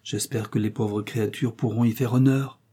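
A man voicing a timid, frightened older husband who speaks meekly and in a hushed voice. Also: medium pitch, fairly even intonation, normal speed, breathy edge, natural voice. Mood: sad. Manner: meek and hushed, pleading.

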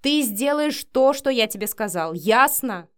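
A woman's voice: a little high, animated, a little slow, fairly bright tone, smooth, voice pushed up. A woman reading the part of a cold, domineering young man who speaks curtly and with scorn in an audiobook. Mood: angry. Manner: curt, commanding, sneering.

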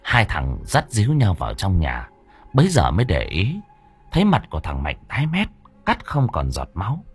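A man reading a spooky story aloud with dramatic, animated storytelling. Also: deep voice, normal speed, breathy edge, faint music behind. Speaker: audiobook narrator. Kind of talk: scripted story narration.

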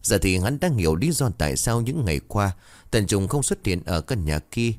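A man narrating a dramatic horror story in a steady, dramatic storytelling manner. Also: lowish voice, normal speed, no echo.

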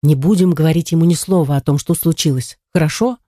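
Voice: mid-range voice, quick pace, no room sound, studio quality, close to an everyday voice. A reader voicing a serious, anxious young schoolboy. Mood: hushed. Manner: hushed, serious.

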